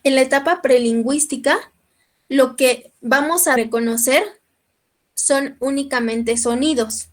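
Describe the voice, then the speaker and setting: A woman with a Mexican accent teaches a lecture in a high voice. She keeps checking that her listeners follow her and clears her throat now and then. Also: unhurried. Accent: Mexican Spanish.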